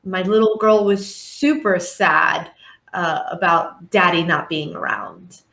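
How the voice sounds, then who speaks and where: Taking things slowly, a woman guesting as a life coach on a podcast speaks in a lowish, fairly bright voice that echoes in the room. She is earnest and reflective and performs her clients' voices.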